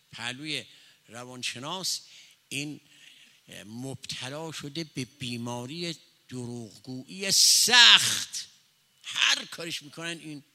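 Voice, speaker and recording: Bright-voiced male preacher in a hall. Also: mid-range voice. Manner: storytelling with conversational asides to the listeners. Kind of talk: sermon. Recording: long hall reverb.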